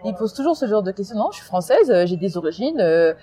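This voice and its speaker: A woman from France being interviewed, talking in an emphatic, animated way with many restarts. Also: mid-range voice, fast talker. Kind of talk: casual interview.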